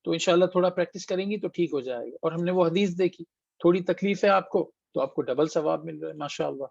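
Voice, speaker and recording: A man whose voice sits on the high side, creaky and a little mellow, teaches Quran recitation in an online lesson. He answers students by patiently explaining each step, demonstrating sounds and using some English phrases, over dull, dry call audio.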